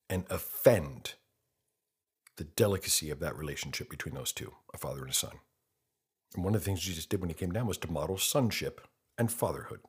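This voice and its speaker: A man's voice: low-pitched, breathy edge. A man in his fifties, a podcast host delivering an impassioned, blunt monologue with rhetorical questions. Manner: earnest and blunt, with rhetorical questions and mocking quoted voices.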